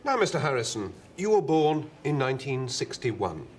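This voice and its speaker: A man as a brisk job interviewer. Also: mid-range voice, sing-song, slight background noise, natural voice. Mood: questioning. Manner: questioning, mildly incredulous. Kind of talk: scripted comic dialogue.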